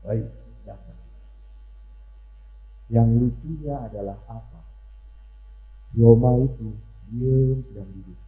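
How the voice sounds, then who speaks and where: Male priest, lively humorous storyteller, mid-range pitch, echoey hall, faint music behind. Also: measured pace, long pauses. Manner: animated and humorous storyteller, varies his loudness a lot. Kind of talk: seminar talk with anecdotes.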